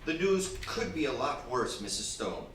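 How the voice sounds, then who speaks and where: An actor playing a calm, probing family doctor in a stage radio drama, measured and a little hesitant. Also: male voice, mid-range voice. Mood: grave, probing. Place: theatre stage, live performance. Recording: echoey hall, distant mic, faint noise.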